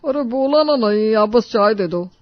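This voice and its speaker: A woman's voice: a little high, expressive, normal speed, dry recording, lightly acted. A woman voicing an impatient male customer in a cartoon, brusque and dismissive. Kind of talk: cartoon voice acting. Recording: dull dry studio voice-over.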